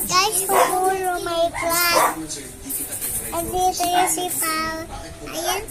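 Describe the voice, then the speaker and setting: A woman's voice: extremely high pitch, flat delivery, drawn-out words. A young girl with missing front teeth and a slight lisp, chatting casually to viewers as a child vlogger. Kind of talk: casual vlog chat to viewers. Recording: music over the voice. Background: loud music.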